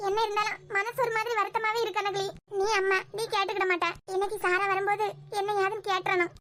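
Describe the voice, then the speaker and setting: A woman's voice: very high-pitched, flat delivery, quick pace, pushed and bright. A woman voicing a fretful old grandmother. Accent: Kanyakumari Tamil. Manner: fretful, lamenting. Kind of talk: cartoon web series voicing.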